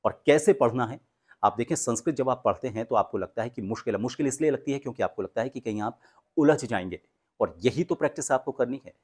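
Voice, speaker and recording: A man with a mid-range voice teaches clear pronunciation in a calm, explanatory way. He slows right down to read the drill sentences with emphasis. He speaks close to the mic. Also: medium pitch. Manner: patient, explanatory. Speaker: speech coach. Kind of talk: pronunciation lesson.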